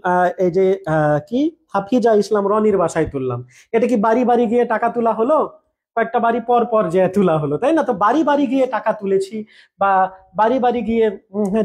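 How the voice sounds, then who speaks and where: A man's voice: sits high, darkish tone. A man teaching a recorded grammar class in a chatty way, repeating examples and checking in with his students often. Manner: jokes with students mid-lesson. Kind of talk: recorded online lecture.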